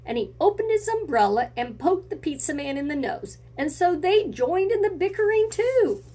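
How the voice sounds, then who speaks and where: With a very high, mellow and sing-song voice at a moderate pace, a woman teacher does a read-aloud lesson from a picture book for young children. Her phrasing is simple and expressive, and she keeps asking the kids encouraging questions.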